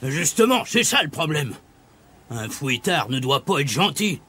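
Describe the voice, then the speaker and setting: A man voicing a gruff, grumpy old grandfather bogeyman in a storybook reading, scolding and sneering. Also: a little high, very animated, a little slow, bright, forceful tone, exaggerated voice. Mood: grumbling.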